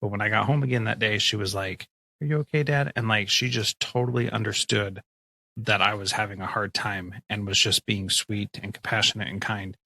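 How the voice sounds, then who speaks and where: A middle-aged man hosting a podcast interview, talking in an earnest, expressive way. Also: lowish voice, normal speed, vocal fry, low-quality recording. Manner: earnest, expressive, animated when telling stories. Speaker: podcast host, school principal. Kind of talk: conversational interview.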